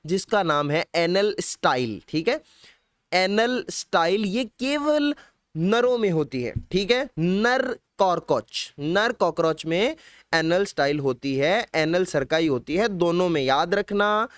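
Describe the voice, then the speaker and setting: A man's voice: high-pitched, expressive, slow, smooth, no room sound, clean studio sound. A young man with a Hindi accent teaching biology in an online exam-prep lecture, repeating key facts and firing questions back at his students. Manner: drops in playful sung lines.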